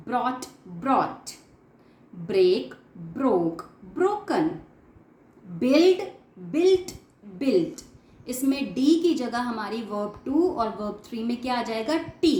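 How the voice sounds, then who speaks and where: A woman teacher drilling English verb forms, reciting each form with steady emphasis and patiently correcting children's pronunciation. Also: fairly high pitch, roomy sound. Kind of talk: slow classroom-style drill lesson.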